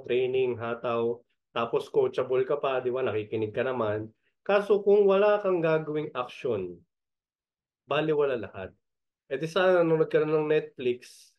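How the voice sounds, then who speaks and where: A man with a Filipino accent giving a motivational online training as a business coach, energetic, laughing often and repeating key points. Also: on the high side, highs cut off.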